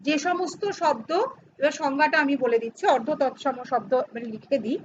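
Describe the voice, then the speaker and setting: A woman's voice: sits high, fairly quick, muffled recording, slight background noise. A middle-aged woman teaching a grammar lesson to students, explaining step by step and asking and answering her own questions. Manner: addresses students informally, teasing aside.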